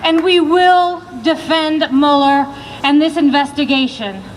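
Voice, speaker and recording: A woman's voice: sits high, unhurried. An American woman giving an impassioned, emphatic rally speech, projecting her voice to a crowd outdoors. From Iowa, United States. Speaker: rally speaker. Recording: noisy live rally with crowd sounds.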